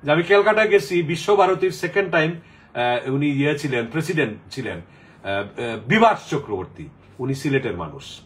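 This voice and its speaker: A man's voice: fairly high pitch, animated, moderate pace. A middle-aged man from the Sylhet region, chatting casually in a rambling way with many fillers. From Sylhet region, Bangladesh. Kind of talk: casual chat.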